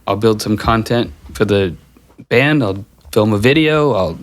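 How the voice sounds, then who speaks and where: A man's voice: lowish voice, animated, measured pace. A man who is a guest musician in a casual podcast conversation, talking in a blunt, profane, matter-of-fact way.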